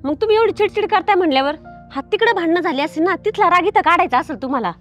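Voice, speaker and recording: In a comedy film, a woman plays a shrill, nagging village wife in her prime, hurt and suspicious of her husband. She fires off reproachful, accusing questions in an expressive, racing delivery while soft music plays underneath.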